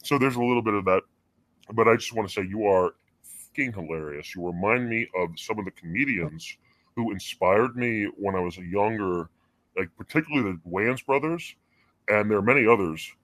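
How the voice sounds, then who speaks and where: A male caller talks through a voice changer that drags his voice down into a deep, artificial register, and the sound is dry and close. He is in his forties and rambles in halting bursts full of fillers and casual swearing. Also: a bit bright, no room sound, low-quality recording. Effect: deep pitch-shifted voice changer. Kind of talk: casual call-in chat.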